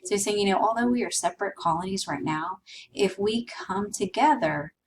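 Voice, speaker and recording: A woman's voice: mid-range voice, moderate pace, recorded from a distance, slight background noise, poor audio. A woman teaching a history class in a conversational way, with asides to her students. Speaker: history instructor. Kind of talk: recorded lecture.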